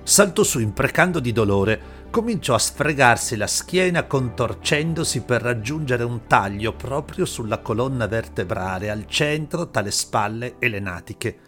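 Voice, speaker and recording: A man reading a story aloud in a calm, measured audiobook narration over faint music. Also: mid-range voice. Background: faint background music.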